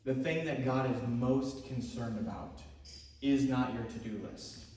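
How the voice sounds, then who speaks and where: A man preaches from the pulpit at a medium pitch and tells a lively story. He sounds heavily echoey, picked up from far across the church, with faint room noise behind him. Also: a little slow. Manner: storytelling, animated, shouts for effect. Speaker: pastor. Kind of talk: sermon. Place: church sanctuary. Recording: echoey church hall from a distant mic.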